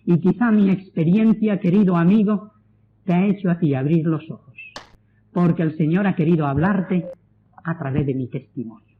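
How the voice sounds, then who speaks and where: A man with a Spanish accent and a very high voice preaches his testimony with earnest conviction, slowing down to stress key points. The sound is thin and tinny, like an old phone-line recording. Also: a little hiss or hum. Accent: Spanish from Spain. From Spain. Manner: earnest, exhorting, slows for emphasis.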